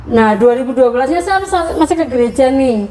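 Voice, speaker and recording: A woman's voice: high-pitched, lively intonation, a little fast, warm tone, low-quality recording. A middle-aged woman from Central Java telling her conversion story in an interview, turning tearful and pleading when she recalls her prayers. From Central Java, Indonesia. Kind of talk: emotional personal testimony.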